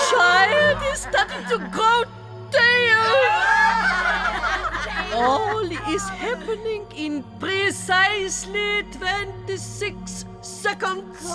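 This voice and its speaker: A woman's voice: extremely high pitch, big-room sound, full character voice. A woman playing a cruel, gleeful, short-tempered witch leader in a dramatized audiobook, with foreign-accented English and a theatrical, commanding manner. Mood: gleeful, frenzied. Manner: theatrical, commanding, drawn-out relish. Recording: music behind the voice.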